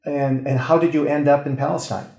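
A man's voice: a little high, steady tone, a little fast, gravelly, a little mellow, faint music behind. American male host, friendly and inquisitive interviewer, roomy echo on the voice. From United States. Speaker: radio host.

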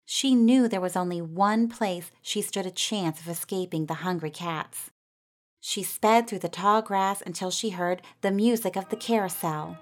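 A woman narrating a children's storybook in a steady, expressive reading voice. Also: lowish voice, measured pace.

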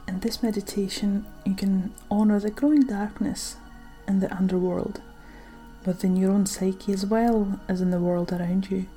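Mellow woman narrating a soothing sleep story. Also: mid-range voice, fairly even intonation. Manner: gentle, soothing, unhurried delivery with soft breathy phrase endings. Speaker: guided meditation narrator. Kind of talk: sleep-story style guided meditation, scripted narration. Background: music.

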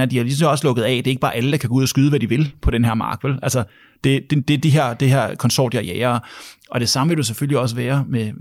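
Gravelly-voiced man hosting a podcast. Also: mid-range voice, darkish tone, no room sound, clean studio sound. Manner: thinks aloud, repeats words, tags lines with a questioning 'right?'. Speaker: podcast host. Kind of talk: casual podcast discussion.

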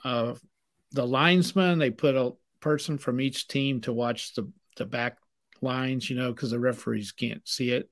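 A retired man in his sixties co-hosting a casual sports chat. He tells stories in a relaxed, easily amused way. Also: mid-range voice, a little slow. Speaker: co-host.

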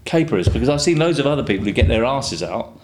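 A man's voice: medium pitch, very animated, fast, a little mellow, a little hiss or hum. A man, chatting casually as a guest and telling rambling stories with plenty of swearing. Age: 50s. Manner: rambling storyteller, swears freely. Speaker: guest artist. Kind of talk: casual chat.

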